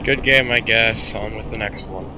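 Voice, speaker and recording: His voice is fairly low and fairly even, at a normal speed, and noticeably congested. The teenage gaming YouTuber cracks sarcastic, mock-grumpy remarks while gaming, coughing occasionally, as loud game music plays behind him.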